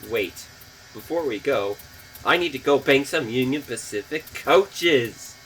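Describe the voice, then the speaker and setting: A man's voice: mid-range voice, lively intonation, unhurried, a bit bright, faint music behind, low-quality recording. A man voicing a grumpy, sardonic talking train in a cartoon. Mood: casual.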